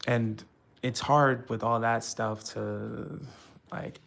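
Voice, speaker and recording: A man's voice: medium pitch, steady tone, slow pace, creaky, a bit bright. A young man from the United States talking casually and frustratedly on a live stream, rambling with many fillers.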